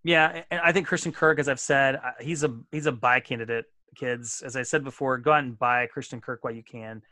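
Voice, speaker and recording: A man's voice: mid-range voice, steady tone, fairly quick, pushed and bright, dry recording, clean studio sound. A man co-hosting a casual sports podcast, chatty and self-deprecating, often restarting his sentences. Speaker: podcast co-host.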